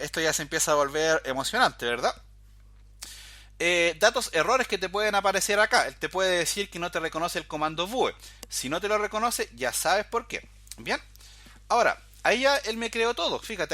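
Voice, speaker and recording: A man's voice: high voice, bright, forceful tone, no room sound. A man teaching a programming tutorial, explaining each step as he goes and often calling the viewer's attention to details. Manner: explanatory, walks through steps, often says "fíjate". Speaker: programming instructor. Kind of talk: screen-recorded coding tutorial.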